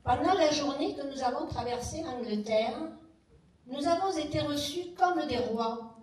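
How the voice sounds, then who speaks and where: A woman with a fairly high voice reads letters aloud at an unhurried pace. She is heard from some distance in a very echoey room. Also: a little mellow. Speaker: reader of wartime letters. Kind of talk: slow public reading of letters.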